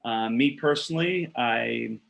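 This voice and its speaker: A man in his thirties from Costa Rica, making an earnest and blunt pitch on a video call from a small room, with many fillers and restarts. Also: a little slow, creaky, fairly bright tone, low-quality recording. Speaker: block producer candidate. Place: small room with wooden shelves, indoors. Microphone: webcam on a video call.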